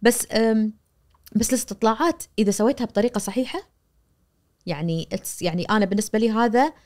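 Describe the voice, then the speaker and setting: Recorded on a boom-arm studio mic, a Kuwaiti-accented woman in her forties talks fast as a podcast guest. She's a media professor who explains animatedly, gesturing and dramatizing the voices she quotes.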